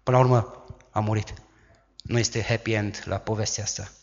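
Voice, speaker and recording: A man preaching a sermon, who acts out quoted voices loudly and dramatically. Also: on the low side, fairly even intonation, muffled recording. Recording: long hall reverb.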